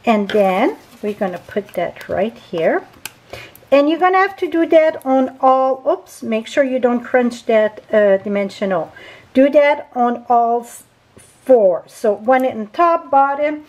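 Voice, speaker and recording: Slow-talking French-accented woman teaching card-making. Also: fairly high pitch, lively intonation, darkish tone, poor audio. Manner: chatty, unscripted, with small grammar slips and self-corrections. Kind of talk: craft tutorial demonstration. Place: indoors at a craft table.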